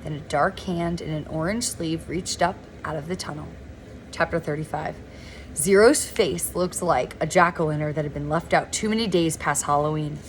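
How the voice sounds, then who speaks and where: A woman reading a novel aloud in a relaxed, informal way, now and then stumbling over words and correcting herself. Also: low-pitched, normal speed, slight background noise. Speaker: reader of a novel. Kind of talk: informal read-aloud narration.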